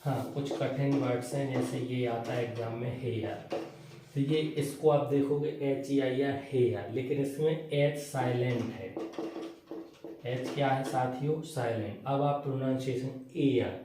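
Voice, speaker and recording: A man's voice: medium pitch, steady tone, a little slow. Man teaching a grammar class, asking and answering his own questions, faint hiss behind, quite echoey. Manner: asks questions and answers them himself. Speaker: English teacher. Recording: echoey room, voice from far off, faint noise.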